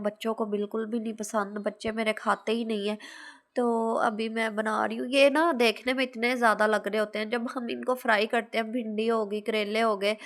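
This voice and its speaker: A woman in her thirties with a Pakistani Urdu accent, chatting through a casual vlog voice-over about her day, homely and rambling. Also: fairly high pitch. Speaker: vlogger, housewife.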